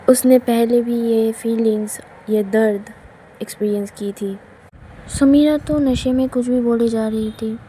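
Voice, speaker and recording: A woman narrating a romance story in an even, unhurried way. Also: fairly high pitch, a little hiss or hum, rough recording.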